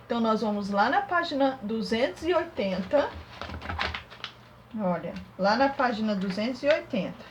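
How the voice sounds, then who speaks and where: A woman teaching a young class remotely, working through exercises step by step and sounding out syllables slowly. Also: fairly high pitch, lively intonation, noisy background. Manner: slow, syllable-by-syllable dictation. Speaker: primary school teacher.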